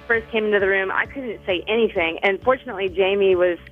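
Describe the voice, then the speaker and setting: A woman's voice: mid-range voice, fast, narrow, tinny audio. A woman guest on a radio show recounts her story in a loose, rambling way, with plenty of fillers and laughter. Faint music plays behind her. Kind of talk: casual on-air interview.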